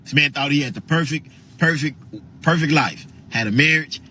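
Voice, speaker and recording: A man giving opinionated commentary in a forceful way, repeating words for emphasis. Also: a little high, normal speed, a little hiss or hum. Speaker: commentator in a reaction clip.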